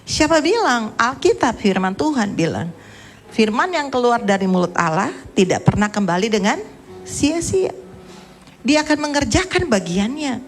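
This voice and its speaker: A middle-aged woman pastor preaching a sermon, swinging from emphatic rising lines to low, soft storytelling. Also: very animated, moderate pace, faint music behind.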